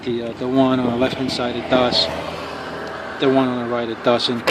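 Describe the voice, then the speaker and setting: A man's voice: medium pitch, monotone. A man reviewing his remote-control truck outdoors on a city street, ranting angrily with lots of swearing and stumbling restarts. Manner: angry, profane ranting with halting restarts. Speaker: RC car hobbyist reviewer. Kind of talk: casual outdoor review vlog. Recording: noisy outdoor street recording.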